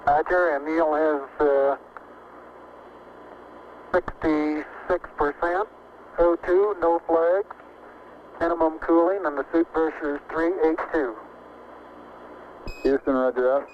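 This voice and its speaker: A man's voice: fairly high pitch, fairly even intonation, takes it slowly, pauses often. A man at mission control speaking over a crackly space mission radio transmission, giving clipped, matter-of-fact readouts in radio procedure talk. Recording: muffled lo-fi radio link with faint static.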